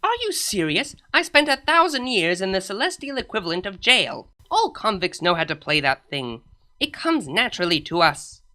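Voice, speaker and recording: A woman's voice: medium pitch, very animated, normal speed, sharp tone. A woman voicing a blunt, proud alicorn princess with a matter-of-fact, slightly pompous delivery. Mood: smug.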